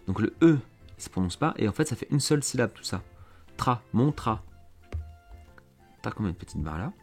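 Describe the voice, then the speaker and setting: A male teacher with a fairly low voice works through an exercise step by step. He speaks patiently, with frequent fillers and self-corrections, and soft background music plays under him. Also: very animated, moderate pace, slightly rough. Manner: patient, stepwise, many fillers and restarts. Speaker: French teacher. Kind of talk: online lesson walkthrough.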